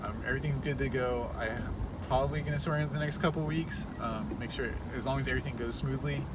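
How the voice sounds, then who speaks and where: Rambling man in his thirties, loud road noise. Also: mid-range voice, fast talker. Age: 30s. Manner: rambling, self-conscious, with many restarts. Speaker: vlogger. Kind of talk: casual talk to camera. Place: car stuck in traffic.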